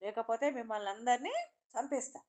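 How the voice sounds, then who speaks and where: A woman's voice: on the high side, brisk, darkish tone, close to an everyday voice. A woman voicing a menacing giant red-eyed monster lizard in a folk tale. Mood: threatening.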